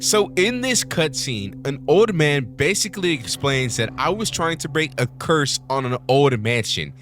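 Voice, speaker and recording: A man with a somewhat high-pitched voice narrates a scripted recap of a video game session. Faint music plays beneath his storytelling. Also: animated, a little slow, fairly bright tone.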